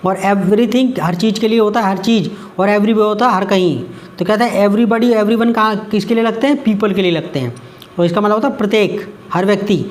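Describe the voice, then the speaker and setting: A man with an Indian accent teaching English grammar, asking his pupils questions and reading examples out slowly. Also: sits high. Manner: many fillers and restarts, asks the class questions.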